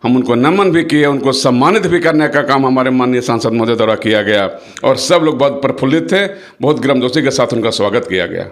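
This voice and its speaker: A middle-aged man, a local politician, speaking forcefully to the press and repeating phrases for emphasis. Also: mid-range voice, brisk. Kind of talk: impassioned political speech to press.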